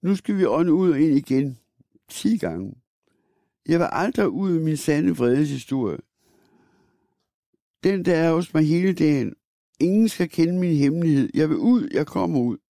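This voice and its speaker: A man reads a first-person literary piece in a measured, wry voice with a gravelly edge. His tone is dark and mellow, though his pitch sits a little high for a man. The recording is dry and close. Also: animated, no echo.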